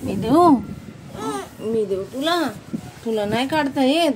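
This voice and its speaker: A woman's voice: high voice, expressive, slow, background noise. A young woman with a Marathi accent vlogging at home, coaxing her toddler in a sing-song voice and chatting to camera. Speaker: vlogger and mother. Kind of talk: casual home vlog, talking to a baby.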